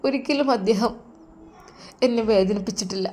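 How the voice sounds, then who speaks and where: Woman doing a hushed, tearful middle-aged wife, high voice, storybook drama. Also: steady tone, racing, a little hiss or hum, natural voice. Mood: tearful pleading. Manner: soft, tearful, pleading. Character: grieving middle-aged wife of a sick teacher.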